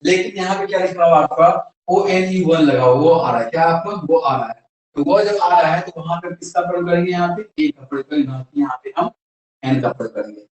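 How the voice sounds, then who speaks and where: Man, Indian accent, teacher, asks and answers his own questions, slightly high voice, heavy echo from a distance. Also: expressive, fairly quick. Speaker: English teacher. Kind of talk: classroom grammar lesson. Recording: very echoey room, voice from far off.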